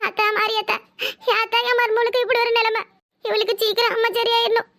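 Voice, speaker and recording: A woman voicing a fussing, caring older village mother-in-law in a cartoon, speaking with a southern Tamil Nadu accent and giving orders fast. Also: extremely high pitch, little pitch movement, bright, forceful tone, exaggerated voice. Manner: bossy, fast, scolding yet tender. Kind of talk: cartoon voice acting.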